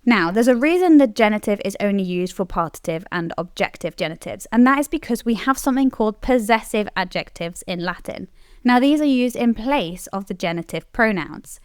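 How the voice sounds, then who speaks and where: A woman explaining Latin grammar in a scripted lesson, clearly stressing the key words. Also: mid-range voice, lively intonation, fairly quick, dry recording, clean studio sound. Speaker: Latin teacher.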